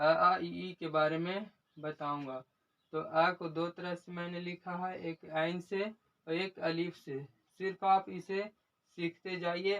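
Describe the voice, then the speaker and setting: A man teaching a lesson in a slow, repetitive way, often calling the viewers his friends as he walks them through each letter. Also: a little high, fairly bright tone, poor audio. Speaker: language teacher. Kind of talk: unscripted lesson walkthrough.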